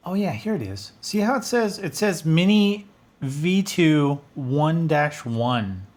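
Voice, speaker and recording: A middle-aged music producer hosting a video talks slowly but very animatedly, his voice on the high side with a darkish tone, as he rambles through casual screen-share commentary. He sits in a small indoor home studio, speaking close into a boom-arm studio condenser mic.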